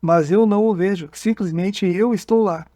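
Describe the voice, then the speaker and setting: A dazed hypnotized man reliving a strange night on a dark road, halting and stumbling over his own words, as a man reads him aloud. The voice sits fairly high and dry, with no room around it. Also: no echo, close to an everyday voice. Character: frightened man reliving an abduction under hypnosis.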